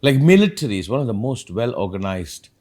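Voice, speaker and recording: Guy hosting a chat show, rambly storyteller, pitch jumping all over the place. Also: fairly quick. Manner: animated storyteller, acts out quotes, rambling. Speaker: podcast host. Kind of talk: reflective conversational talk.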